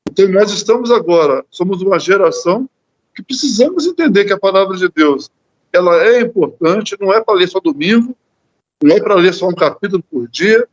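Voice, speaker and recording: A Brazilian man leads a church Bible study in a fairly high voice. He talks earnestly, stumbling over and repeating words as he goes. The audio is dull and lo-fi, like a church livestream. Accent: Brazilian Portuguese. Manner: earnest, repeats words while searching, often adds "né?". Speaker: lay preacher.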